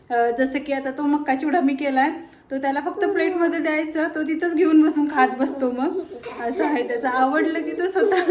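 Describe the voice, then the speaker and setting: A young woman, vlogging at home and talking to her baby in coaxing, sing-song baby talk. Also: high voice. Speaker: vlogger and mother. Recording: echoey room with faint background noise.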